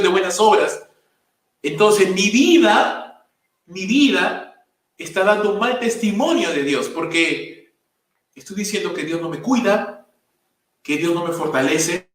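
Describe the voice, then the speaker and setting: A male pastor delivers a sermon in an emphatic preaching style, piling up lists. His voice sits high for a man. He is heard from some distance in a church that rings with heavy echo. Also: a bit bright. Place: church sanctuary. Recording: very echoey room, voice from a distance.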